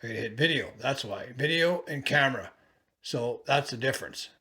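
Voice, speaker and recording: Fiddling with the gear as he goes, a product reviewer gives an animated, rambling hands-on gadget review peppered with fillers. His rough, medium-pitched voice is bright and forceful at a normal pace. He's indoors in a small home bedroom, recorded by the camcorder's own shotgun mic a few to eight feet away.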